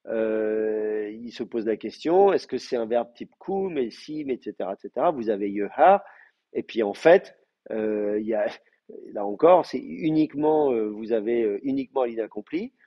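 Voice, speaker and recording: A man's voice: medium pitch, slightly rough. A man teaching a language class, explaining step by step and thinking aloud, with frequent hesitations and fillers. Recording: muffled lo-fi class recording.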